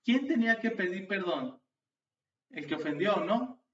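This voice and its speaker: Bright-voiced preacher. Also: male voice, high voice, unhurried. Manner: storytelling, animated, with restarts and asides to the congregation. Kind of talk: sermon. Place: church. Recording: distant, dull mic sound.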